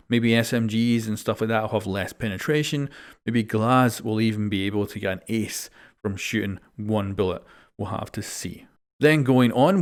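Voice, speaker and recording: A young man hosting a gaming news video, walking through patch notes in a chatty, informal way and thinking aloud as he goes. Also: lowish voice. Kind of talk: casual game update rundown.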